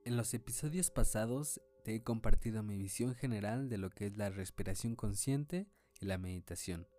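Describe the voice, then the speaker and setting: A man narrating a scripted guided meditation in a calm, gently instructive way, with singing bowls behind him. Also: lowish voice. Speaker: meditation guide and podcast host. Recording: singing bowl music behind the voice. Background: loud resonant singing bowls.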